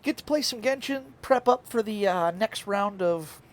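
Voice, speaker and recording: Young male streamer, playful, animated up-and-down delivery, slightly high voice, hiccupy. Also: moderate pace. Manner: playful, plays with his voice and octaves. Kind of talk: casual live-stream chat.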